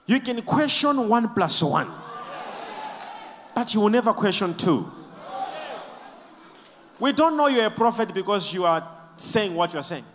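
A man leads a church service with a high voice that carries the sound of a big room. He preaches emphatically, shouting blessings in between quieter questions put to the people giving testimony.

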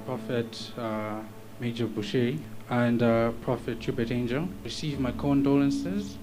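A man's voice: medium pitch, unhurried. A man giving a formal, solemn funeral tribute and condolences. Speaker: speaker offering condolences. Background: music.

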